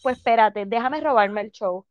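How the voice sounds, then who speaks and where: A woman's voice: on the high side, moderate pace, no echo, highs cut off. A woman co-hosting a podcast, chatting animatedly and gossiping about a reality show, mixing English words into her Spanish. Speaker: podcast co-host.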